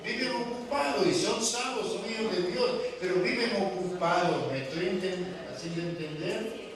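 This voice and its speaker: A male preacher delivering a sermon, slow and emphatic, asking the congregation rhetorical questions. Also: high voice. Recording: echoey hall, mic from far off, faint background noise.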